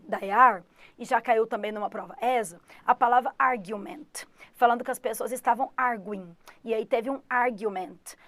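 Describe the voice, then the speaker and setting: A woman with a Goiás Brazilian Portuguese accent teaches an online English lesson in a fairly high voice. She talks straight to her students and keeps repeating the key words. The sound is dry and close. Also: no room sound.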